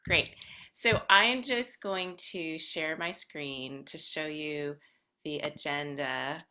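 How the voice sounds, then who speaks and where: Slow, low-voiced American woman presenting. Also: bright, forceful tone. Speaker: guest lecturer in music education. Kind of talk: workshop presentation with gentle guidance.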